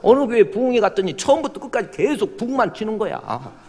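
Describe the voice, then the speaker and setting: A male pastor giving a sermon, an animated, joking storyteller who rises to shouts. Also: high voice, a little fast, husky, in a large hall. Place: church sanctuary.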